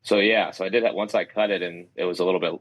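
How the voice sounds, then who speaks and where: A man guests on a casual podcast and tells rambling stories full of fillers. His voice is low. The recording is dry and close. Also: fairly even intonation, rapid-fire, no echo, low-quality recording. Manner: chatty storyteller, lots of fillers. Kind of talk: casual chat.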